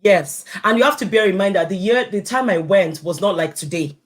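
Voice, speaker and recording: A woman's voice: mid-range voice, a little fast. A woman speaking as a guest in an informal interview. She tells her experiences with animation, acting out quoted conversations in the voices of the people involved. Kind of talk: casual interview chat.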